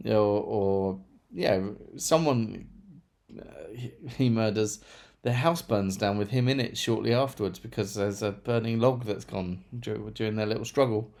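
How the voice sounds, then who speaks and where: A man's voice: on the low side, darkish tone. A man chatting casually through a monthly book review, rambling with self-deprecating asides. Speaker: book vlogger.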